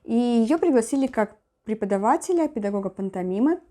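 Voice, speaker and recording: Mellow, higher-voiced woman recounting. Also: animated, fairly quick. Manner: recounting, hesitant fillers. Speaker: interviewee recalling theatre history.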